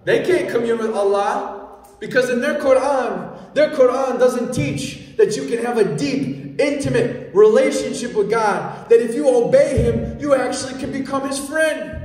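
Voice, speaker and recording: Male preacher in his thirties, high-pitched and fervent, shouting at the peaks of a sermon; heard from a distance in a very echoey hall. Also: unhurried. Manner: fervent, rising to shouts at climaxes. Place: large church hall, indoors. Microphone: handheld mic.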